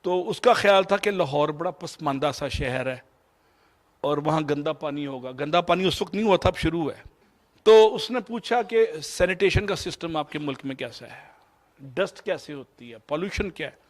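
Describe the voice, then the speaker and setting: A man's voice: a little high, animated. A man in his fifties from Pakistan with a Pakistani Urdu accent, telling a personal story in a motivational lecture and slipping English phrases into his Urdu. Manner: mixes English phrases into Urdu, shifts between loud and soft. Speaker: motivational speaker.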